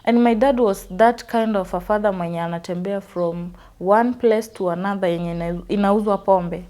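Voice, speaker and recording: Speaking at a moderate pace in a mellow, medium-pitched voice, this woman from Western Kenya, in her twenties, gives a personal testimony interview. She recounts her life earnestly and mixes English and Swahili freely.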